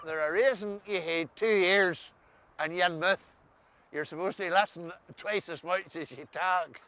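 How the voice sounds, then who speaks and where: A man's voice: sits high, a little slow, sharp tone. A man with an Ulster Scots accent from Northern Ireland, chatting casually as a co-host who explains dialect words and tells small anecdotes. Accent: Ulster Scots, Northern Irish.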